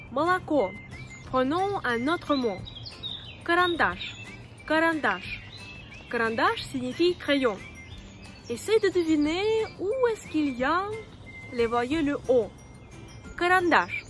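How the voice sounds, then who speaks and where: A woman who speaks natively gives an online language lesson, patient and lively, repeating words slowly. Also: high-pitched. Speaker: Russian teacher.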